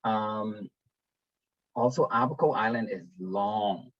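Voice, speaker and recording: A young man from the Bahamas giving a webinar presentation over a video call, talking in a relaxed, conversational way with frequent ums and restarts. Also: lowish voice, slow, dry recording. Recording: dull, dry webinar audio.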